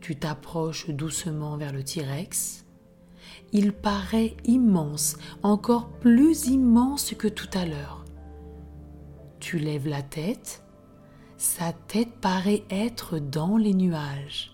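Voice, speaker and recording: A woman narrating a children's bedtime story in a hushed, unhurried way, often slipping into a whisper. Her voice is mellow and warm, at an even middle pitch. Gentle music plays faintly underneath.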